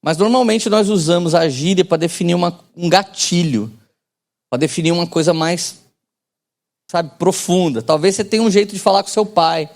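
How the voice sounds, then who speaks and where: A man's voice: sits high, normal speed, creaky, darkish tone. A man in his forties preaching a sermon as pastor, in a casual joking manner with slang and call-and-response to the congregation.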